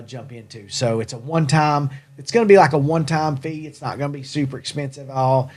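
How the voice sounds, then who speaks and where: With a medium-pitched, darkish voice, a Tennessee livestream host who owns a hat company chats casually with viewers. His Southern American accent colors talk that rambles, jokes and pokes fun at himself.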